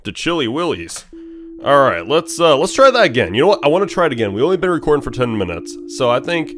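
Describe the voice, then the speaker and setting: A man's voice: medium pitch, quick pace, a little hiss or hum. A young man hosting a horror game let's play, talking nervously to the game characters as he plays. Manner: animated, talks to the game characters, nervous muttering. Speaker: gaming channel host.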